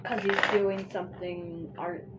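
A woman's voice: on the low side, little pitch movement, measured pace. A woman chatting casually while she draws, rambling and joking and filling her talk with "like". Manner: chatty and joking, says "like" constantly. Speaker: vlogger drawing on camera. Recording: dull, noisy home recording.

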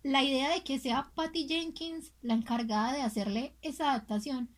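A woman's voice: high-pitched, fairly even intonation, moderate pace. A woman co-hosting a casual podcast, telling a story in a chatty, gossipy way. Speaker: podcast co-host. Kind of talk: casual chat.

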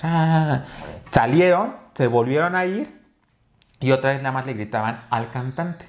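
In a casual podcast conversation, a young Mexican-accented co-host wanders through his stories, using lots of fillers and starting over often. His voice is mid-range and expressive, and he talks at a normal speed.

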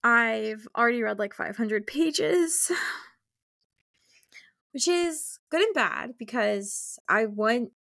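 Her voice is fairly high, expressive and slow, with a gravelly, pushed, bright quality. This woman, a school teacher, co-hosts a laid-back book podcast and gushes informally, leaning heavily on "like."

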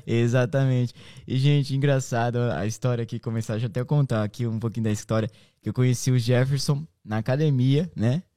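A man hosts a chatty podcast with an accent from Brazil's São Paulo interior. His voice is cracked, reedy and hoarse, and he talks in a slangy, animated storytelling way. The sound is dry and close. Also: mid-range voice, a little fast, no room sound. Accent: Brazilian, interior São Paulo state. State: hoarse from shouting. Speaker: podcast host.

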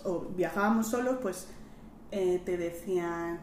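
A woman's voice: on the low side, measured pace, darkish tone, slight background noise. A young woman, a podcast guest telling personal stories in a reflective, conversational way. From Spain. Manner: reflective, storytelling. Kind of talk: casual conversational interview. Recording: roomy echo.

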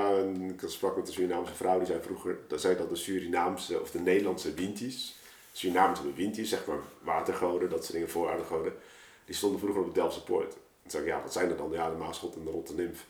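His voice low with a darkish tone, a man who produces audio dramas guests on a podcast, telling informal stories in a rambling, casual way as he thinks aloud. The recording space is roomy and echoey.

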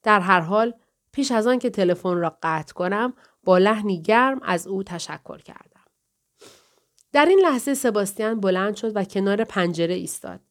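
A woman reading a novel aloud in the first person, with a calm, even storytelling delivery. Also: mid-range voice. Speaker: audiobook narrator.

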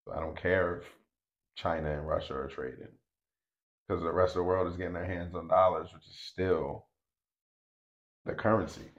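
A man's voice: low-pitched, steady tone, moderate pace, long pauses, muffled recording. A man co-hosting a podcast in casual chat, making his points with emphasis and repeating them. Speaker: podcast co-host.

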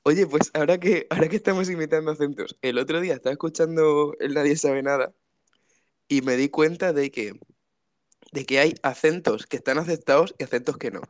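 A man's voice: a little high, fairly quick, no echo. Jokey man on a podcast. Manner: jokey storyteller, laughs often and acts out quotes. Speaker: podcast co-host. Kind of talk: casual comedic chat.

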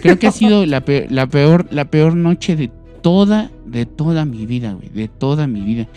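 Young Mexican guy spinning a spooky tale for his friends, high and mellow. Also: moderate pace, soft background music. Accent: Mexican Spanish. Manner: animated, acts out voices and screams, heavy slang. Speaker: storyteller guest. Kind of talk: casual chat, telling a ghost story.

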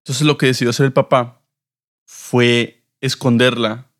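Young man, northern Mexican accent, casual podcast chat, slangy and informal, medium pitch. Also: flat delivery, a little slow. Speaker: podcast co-host.

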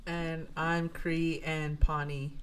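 A woman's voice: sits low, level tone, slow, clean tone. A young woman from a reservation in Montana, chatting casually and a bit shyly as a podcast co-host. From a reservation in Montana, United States. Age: young adult. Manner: shy, hesitant. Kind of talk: casual chat.

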